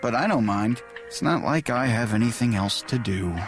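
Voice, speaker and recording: A man playing a talking cigarette in a comic ad, idle and clingy, with casual deadpan familiarity. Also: medium pitch, normal speed, faint music behind, lightly acted. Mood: idly chummy. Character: talking cigarette, idle, clingy, self-appointed best friend. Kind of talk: comic public service ad monologue.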